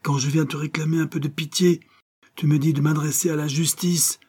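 A man's voice: mid-range voice, steady tone, normal speed, mellow, slightly rough, close to an everyday voice. A man voicing an old, embittered ex-convict vagabond who speaks with bitter, vehement accusation. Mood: bitter accusing.

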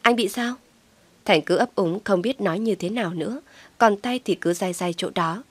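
A woman with a fairly low voice narrates a story in a steady, even reading. The sound is close and dry, with no room around it. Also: moderate pace, husky, dry recording.

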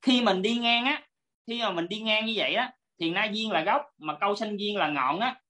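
A woman's voice: mid-range voice, normal speed, pushed and bright. A woman teaching an online class over a video call, politely explaining step by step and repeating her points.

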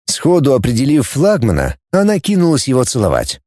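Animated male audiobook narrator. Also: mid-range voice, brisk, dry recording, studio quality. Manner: animated, expressive reading. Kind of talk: scripted narration.

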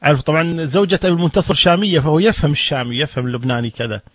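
A man with a husky, fairly high voice tells a story the way a preacher does in a talk, and leans into the quoted lines. The sound is dry and dull, like an old lo-fi recording. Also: very fast, a bit bright, no room sound. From Kuwait. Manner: recounts events plainly, acts out quoted dialogue with rising emphasis. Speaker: Islamic preacher.

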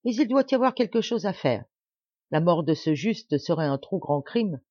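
A woman's voice: fairly low pitch, big pitch swings, extremely slow, warm tone, no echo, dull audio, heavily acted. A woman reader voicing a desperate, resolute middle-aged noblewoman who gives impassioned orders. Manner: impassioned, commanding exclamations.

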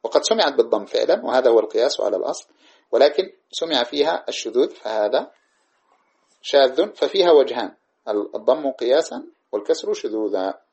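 A man giving a lesson on a classical grammar text, reading verses slowly and then explaining them plainly, often checking that listeners follow. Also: mid-range voice, very animated, a little mellow, husky, highs cut off.

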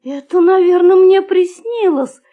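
A woman voicing a small, curious young male puppy in a storybook tale, eager and quick to turn tearful when frightened. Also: very high-pitched, warm tone, voice pushed up.

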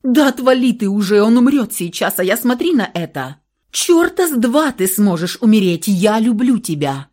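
Woman voicing a shrill, frantic young heroine. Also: sing-song, normal speed, dark tone. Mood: desperate. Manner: shrill, outbursts of hysterics. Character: hot-tempered young woman, frantic and stubborn. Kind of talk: audiobook role reading.

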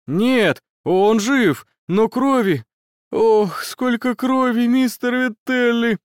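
A man's voice: high voice, normal speed, dry recording, studio quality, voice pushed up, close to an everyday voice. A man voicing a frightened, out-of-breath teenage schoolboy who talks in agitated gasps. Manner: agitated, gasping.

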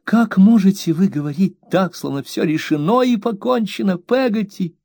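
A man's voice: high-pitched, lively intonation, normal speed, creaky, mellow, dry recording, studio quality, pitched above the performer's own voice, heavily acted. A man voicing a tearful young mother who pleads and reproaches her servant, in an audiobook reading.

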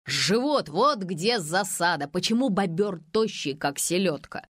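A woman voicing a bossy young male film director who yells orders on set. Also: lowish voice, animated, unhurried, no echo, clean studio sound. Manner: yelling, barking orders.

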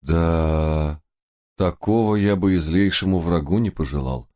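A man voicing a patient older doctor who speaks in a measured way. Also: sits low, mellow. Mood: calm.

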